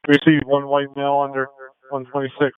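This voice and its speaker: A man's voice: medium pitch, completely flat delivery, fairly quick, slight background noise. A man working as a police dispatcher, giving terse radio updates in a matter-of-fact, procedural way over a two-way radio. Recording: thin, narrow-band police radio channel.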